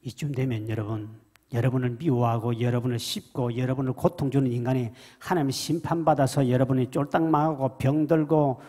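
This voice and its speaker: A male pastor preaching a sermon, emphatic and dramatic, dropping from loud declarations to hushed asides. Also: medium pitch, fairly even intonation, a little fast, big-room sound.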